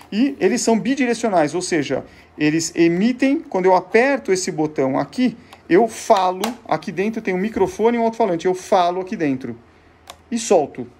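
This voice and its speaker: Presenting an informal demonstration on his vintage gadget show, a man with a Brazilian Portuguese accent speaks briskly in a high, darkish voice with lively intonation. His style is didactic and relaxed, with frequent self-posed questions he then answers.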